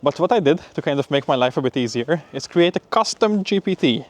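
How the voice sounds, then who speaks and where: In a fairly high, animated voice and a slightly fast delivery, a young PhD student chats through his week in a casual, upbeat vlog update.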